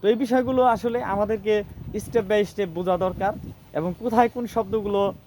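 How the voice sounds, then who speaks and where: A man with a high voice teaches English grammar. He explains patiently and step by step, slowing down to spell out each example phrase. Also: fairly even intonation, darkish tone, slight background noise. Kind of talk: spoken grammar lesson.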